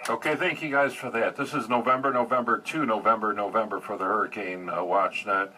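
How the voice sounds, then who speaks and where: A man's voice: fairly low pitch, steady tone, a little fast, pushed and bright, slightly rough. A man acting as net controller on two-way amateur radio, politely hesitant and spelling things out phonetically. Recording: distant, faintly noisy radio audio.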